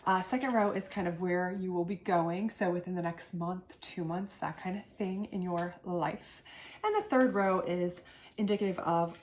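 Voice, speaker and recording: Congested from a sinus infection, this woman does a casual tarot love reading to camera, warm and reassuring, rambling with fillers and asides. Her voice is fairly low and a little mellow, at normal speed, with a bit of background noise.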